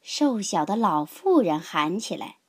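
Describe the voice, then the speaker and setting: A woman narrating a children's fable in an expressive, unhurried storytelling voice. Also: medium pitch, husky.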